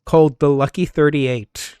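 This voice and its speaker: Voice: medium pitch, steady tone, unhurried, dark tone, clean tone, no echo, studio quality. A streamer casually recapping an in-character roleplay story, rambling with lots of fillers and teasing the others.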